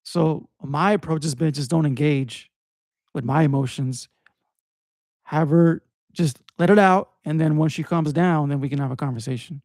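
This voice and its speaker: A man's voice: fairly high pitch, normal speed, darkish tone, no room sound. A man in his thirties co-hosting a podcast, speaking in a reflective, hesitant way and often stopping to restart his thoughts. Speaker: podcast co-host. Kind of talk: casual conversation.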